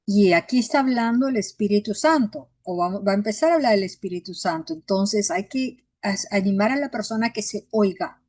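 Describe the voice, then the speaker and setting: A woman's voice: medium pitch, expressive, moderate pace, few pauses, darkish tone, no echo. A woman pastor teaching a Bible class in an earnest, encouraging way, acting out how she coaches people in prayer.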